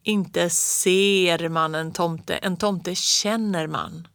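A storyteller voicing Fritjof, a gruff, blunt farmhand in a storybook, with a slow, drawling delivery that builds into roaring. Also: mid-range voice, steady tone, fairly bright tone, dry recording, clean studio sound, natural voice. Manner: slow, drawling, grows into a roar. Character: gruff grown man, a farmhand, blunt and stubborn. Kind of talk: storybook read-aloud.

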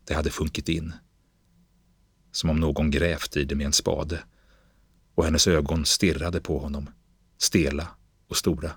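Very deep-voiced man reading fiction. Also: level tone, pauses often, breathy edge, no room sound. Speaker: narrator. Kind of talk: scripted narration of literary fiction.

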